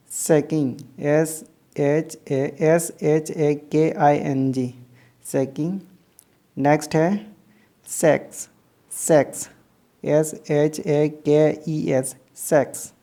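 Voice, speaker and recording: A woman's voice: low voice, vocal fry, dark tone. A woman teaching English verb forms, spelling out each word letter by letter and repeating it. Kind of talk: slow spelling-out lesson.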